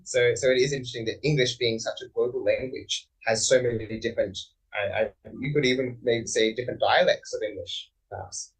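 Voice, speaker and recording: A man's voice: mid-range voice, brisk, few pauses, husky, far from the mic, rough recording. An Australian man speaking on a conference panel, thoughtful, with many fillers and restarts.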